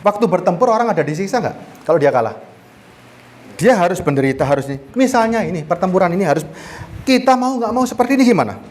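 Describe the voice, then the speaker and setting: A man's voice: high-pitched, lively intonation, quick pace, a little mellow. A man preaching an interactive sermon, often asking the audience questions and rising to emphasis.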